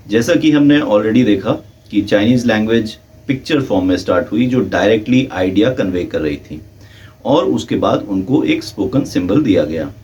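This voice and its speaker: A man's voice: on the low side, darkish tone. A man teaching a language lesson, explaining step by step and mixing in English terms. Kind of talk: lecture. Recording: dull lo-fi audio with faint hiss.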